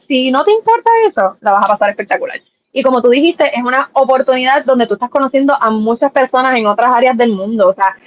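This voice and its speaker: A young Puerto Rican woman chatting on a live stream, animated, dropping English words and acting out quotes. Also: on the high side, dull audio. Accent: Puerto Rican Spanish. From Puerto Rico. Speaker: former pageant contestant, guest.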